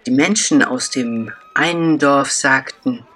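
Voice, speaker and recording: A man telling a children's story as scripted narration, slow and deliberate with dramatic pauses. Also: mid-range voice, sharp tone, husky.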